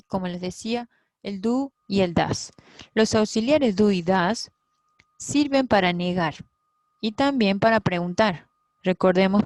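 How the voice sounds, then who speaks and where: Slow, patient woman teacher. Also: mid-range voice, no room sound. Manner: patient, checks in with frequent "¿sí?". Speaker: English teacher. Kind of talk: slow explanatory lesson.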